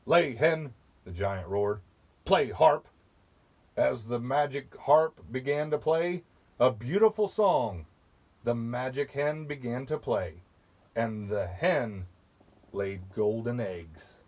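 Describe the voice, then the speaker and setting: A man reading a children's picture book aloud, slowly and patiently, pausing to point out the pictures. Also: mid-range voice, lively intonation, darkish tone, highs cut off. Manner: slow, patient, with asides about the pictures. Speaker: storybook reader.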